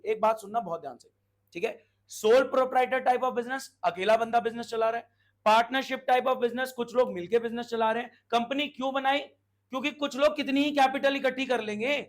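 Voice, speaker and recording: A man teaching a commerce class, quizzing and scolding his students as he explains. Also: very high voice. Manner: brisk, scolding, asks the class questions. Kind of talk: classroom lecture.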